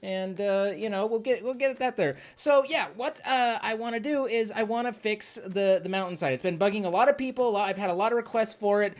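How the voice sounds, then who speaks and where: Excitable rambling male game streamer. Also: high voice, brisk, few pauses. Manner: excitable and rambling, self-deprecating. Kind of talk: casual live-stream chat.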